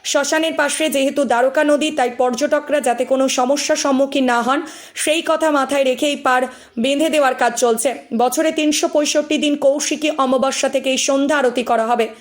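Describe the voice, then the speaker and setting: A high-voiced woman reads a scripted news segment. Her delivery is formal and even. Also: fairly quick. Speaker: news reporter.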